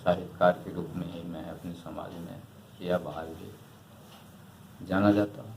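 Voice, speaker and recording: An older man speaks slowly and thoughtfully, his voice sitting low. He answers an interviewer at length. The recording carries a roomy echo with faint background noise. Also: fairly even intonation, creaky, a little mellow. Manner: slow, measured, reflective. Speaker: retired writer and historian.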